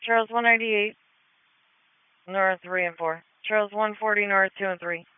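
A man's voice: sits high, steady tone, moderate pace, clean tone, no room sound. A man working as an emergency dispatcher, giving terse, clipped, procedural radio updates over two-way radio. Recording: tinny radio channel, faint static.

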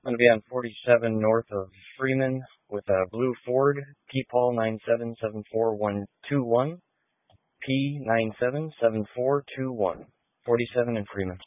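A man's voice: mid-range voice, moderate pace, no echo. A male police officer making terse, businesslike check-ins over a two-way radio. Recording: narrow, tinny police radio.

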